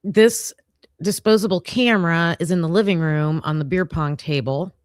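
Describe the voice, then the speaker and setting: A woman hosting a casual livestream case discussion, talking in a halting way with many fillers and frequent laughs. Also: lowish voice, dry recording, studio quality. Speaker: livestream host.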